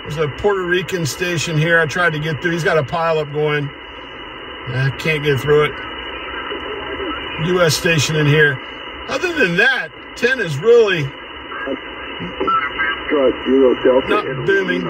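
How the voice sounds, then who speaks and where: Fairly high-pitched and animated, this American man in his 50s or 60s talks slowly with frequent pauses. He's an amateur radio operator and vlogger, casually chatting while working a ham radio from his car, with radio static and noise behind him.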